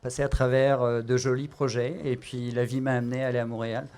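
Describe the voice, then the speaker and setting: A man's voice: mid-range voice, level tone, quick pace, a little mellow. A middle-aged man with a Parisian French accent, a chef explaining a cooking demonstration, with frequent fillers and restarts. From France.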